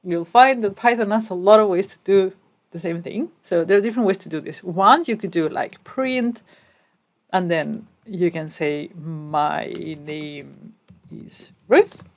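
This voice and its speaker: A programming instructor from Spain walks through a coding tutorial step by step as she types, dropping in casual asides. Her voice sits on the low side, and she talks a little slowly.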